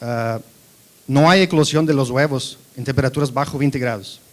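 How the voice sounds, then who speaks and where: A man's voice: mid-range voice, normal speed. A man from Brazil, a native Portuguese speaker, gives a technical presentation in a Spanish and Portuguese mix with a Brazilian accent. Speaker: agricultural company researcher presenting.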